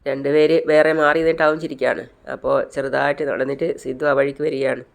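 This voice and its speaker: A man's voice: mid-range voice, little pitch movement, quick pace, creaky. A man casually retelling a film's plot to his subscribers. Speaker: storyteller vlogger. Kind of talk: retelling a film story.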